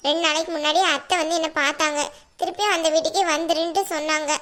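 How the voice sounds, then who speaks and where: A woman's voice: high voice, fairly even intonation, very fast, fairly bright tone. A woman voicing a divorced elder sister in a cartoon, speaking in a subdued, resigned way. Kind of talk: cartoon voice acting.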